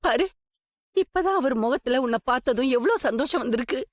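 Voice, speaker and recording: A middle-aged actress playing a gentle, worried mother who soothes her sick husband and pleads with their daughter in a TV serial. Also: high voice, animated, a little fast, dry recording. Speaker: wife and mother. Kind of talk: TV serial acting.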